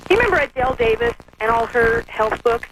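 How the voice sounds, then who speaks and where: A woman's voice: on the high side, sing-song, fast, creaky. An American woman talking casually as a caller to a radio show. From California, United States. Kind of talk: casual chat. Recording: noisy call to radio show.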